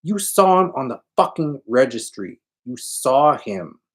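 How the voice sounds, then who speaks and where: A man voicing a volatile, foul-mouthed young man who shouts and rants in a raised, strained voice. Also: mid-range voice, big pitch swings, a little slow, slightly rough, voice pushed up. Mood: furious.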